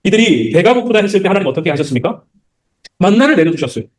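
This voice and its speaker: A man's voice: sits high, rapid-fire. A man preaching at a Bible study, asking his audience many rhetorical questions and acting out quotes. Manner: acts out quotes in lively voices. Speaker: pastor leading Bible study. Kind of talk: sermon.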